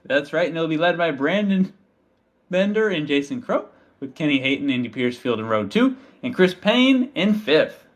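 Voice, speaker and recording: A man's voice: on the high side, big pitch swings, normal speed. A man giving live motorsport commentary in an informal, chatty, conversational way.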